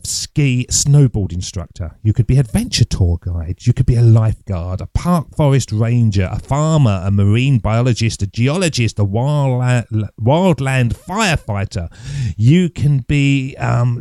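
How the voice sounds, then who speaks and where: A man's voice: mid-range voice, a little mellow, no echo. A man hosting his own podcast, chatting loosely and thinking aloud as he looks things up. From England. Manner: chatty, rambling, thinks aloud while searching online. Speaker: podcast host. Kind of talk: casual solo podcast teaching. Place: at home desk. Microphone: close studio mic.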